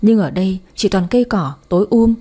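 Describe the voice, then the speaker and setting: Woman, audiobook narrator, romance story, soft emotive reading, mellow, husky. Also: mid-range voice, lively intonation, fairly quick.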